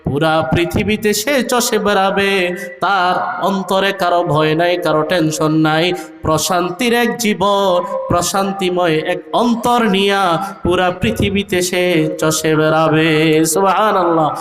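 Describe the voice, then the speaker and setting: A high-pitched male preacher who delivers his sermon in a rhythmic way, rising into shouted peaks and drawing out sung phrases. His voice rings through an echoey hall, with faint music underneath. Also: takes it slowly. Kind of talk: Bengali waz sermon.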